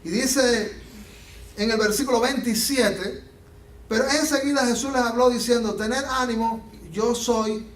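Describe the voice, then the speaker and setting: A man preaching a sermon as pastor, animated and acting out the Bible scenes he tells. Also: very high voice, unhurried. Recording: echoey room from a distance.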